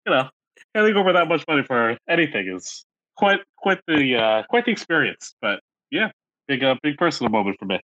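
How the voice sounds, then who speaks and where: A podcast co-host with a slightly high voice talks briskly in a loose, animated, rambling way, with lots of fillers. The recording is dry, with the highs cut off.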